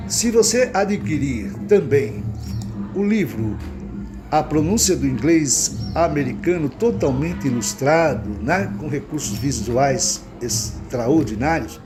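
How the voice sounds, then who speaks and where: A man from Brazil teaching English pronunciation in a didactic lesson, checking in with "né?" and "ok?" and slowing down to spell out example words. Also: fairly high pitch. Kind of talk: explanatory lesson.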